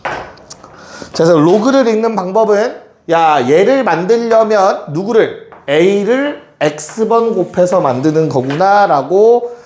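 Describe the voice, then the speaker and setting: A man's high-pitched, somewhat mellow voice carries lively intonation as he teaches math slowly. He addresses students directly and regularly pauses to confirm they follow along. The classroom echoes, and faint noise is present.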